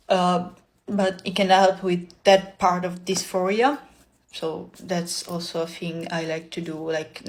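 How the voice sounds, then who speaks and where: A young woman giving casual advice in a soft, hesitant way, full of fillers and pauses. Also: on the low side.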